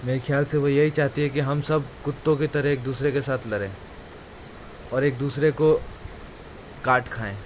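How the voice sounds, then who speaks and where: A man's voice: mid-range voice, steady tone, slight background noise, natural voice. A man doing a stern village uncle. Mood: earnest. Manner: lecturing, measured. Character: stern but calm village uncle, middle-aged. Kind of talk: animated cartoon voice acting.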